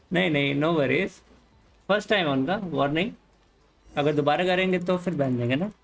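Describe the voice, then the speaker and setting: A man's voice: on the high side, a little slow, gravelly, soft background music, low-quality recording. Easygoing Indian man streaming a game. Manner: easygoing, mixes Hindi and English, calms the chat. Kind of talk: casual live-stream chat with viewers. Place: home room, hot.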